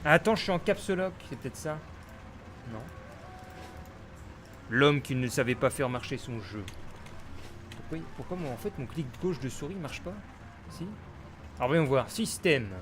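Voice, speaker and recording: A man's voice: mid-range voice, animated, normal speed, long pauses, a bit bright, slight background noise. Muttering man playing a game. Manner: mutters to himself, grumbling and puzzled. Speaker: gamer streamer. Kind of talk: casual let's-play commentary.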